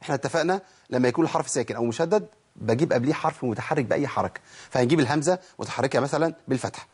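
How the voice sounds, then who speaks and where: A Quran recitation teacher with an Egyptian accent gives a tajweed lesson, posing questions and answering them himself while demonstrating letter sounds. His medium-pitched voice is rapid-fire, a little mellow, and slightly rough.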